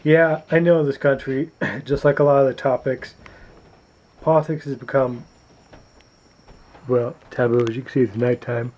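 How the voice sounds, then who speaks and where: A man giving a preachy, emphatic political rant to camera at home at night, clearing his throat often. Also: mid-range voice, steady tone, moderate pace, pauses often, a little mellow, highs cut off. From United States. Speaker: YouTuber. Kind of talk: opinionated political vlog rant.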